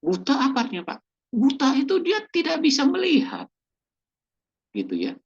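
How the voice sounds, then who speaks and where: A man's voice: extremely high pitch, wildly swooping pitch, normal speed, gravelly, lo-fi sound. A man preaching a sermon as pastor, talking to the congregation in a conversational way and briefly acting out quoted voices. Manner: acts out short quoted voices.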